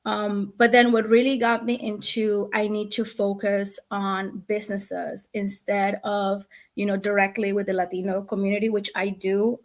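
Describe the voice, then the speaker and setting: A woman in her thirties, from Venezuela, chatting as an interview guest and telling her story in a lively way, laughing often. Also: medium pitch, normal speed. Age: 30s. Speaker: guest, founder of a language access business. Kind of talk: casual interview chat.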